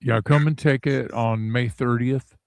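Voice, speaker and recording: A man talking casually as a guest in an interview, candid and halting, with many restarts and some swearing. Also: medium pitch, fairly even intonation, clean tone, dry recording. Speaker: guest vocalist.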